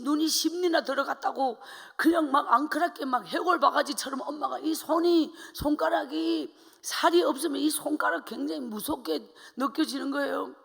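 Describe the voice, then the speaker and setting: A middle-aged woman evangelist giving a tearful testimony, swinging between loud outbursts and hushed whispers. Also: high voice, vocal fry, in a large hall. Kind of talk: emotional testimony.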